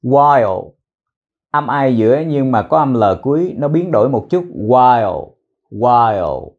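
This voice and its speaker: A man's voice: mid-range voice, expressive. Guy teaching english pronunciation, says words over n over, kinda dull lo-fi sound. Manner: drills words slowly over and over, mixing Vietnamese and English. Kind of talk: pronunciation lesson.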